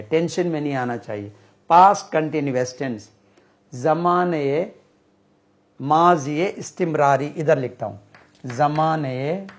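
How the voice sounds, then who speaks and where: Slow man teaching grammar. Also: on the high side. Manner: slow, repeats and spells out terms while writing. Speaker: English teacher. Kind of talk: whiteboard grammar lesson.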